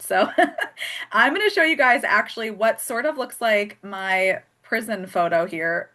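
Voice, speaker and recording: Woman host, live skincare demo, chatty and jokey, very bright tone. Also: mid-range voice. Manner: chatty and joking, laughs often. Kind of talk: live product demonstration.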